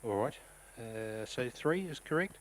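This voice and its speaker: A man's voice: mid-range voice, slight background noise, rough recording. Man chairing a council meeting. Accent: New Zealand. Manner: relaxed, halting with many ums, louder when calling votes.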